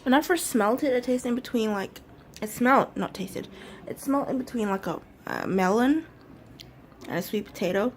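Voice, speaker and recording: A woman's voice: fairly high pitch, fairly quick, a little hiss or hum. A young woman chatting casually in a vlog, rambling a little and correcting herself as she talks. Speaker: vlogger.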